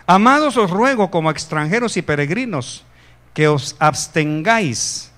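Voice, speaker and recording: A man from Guatemala preaching a sermon, animated, jumping to loud emphasis and joking asides with the congregation. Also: a little high. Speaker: pastor.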